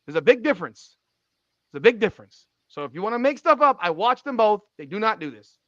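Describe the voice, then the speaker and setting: A man's voice: high voice, very animated, fast talker, a bit bright, dry recording. A man in his forties hosting a podcast, talking in an emphatic, repetitive way and swearing freely. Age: 40s. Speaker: podcast host. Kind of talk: casual podcast chat. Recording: dull, slightly lo-fi sound.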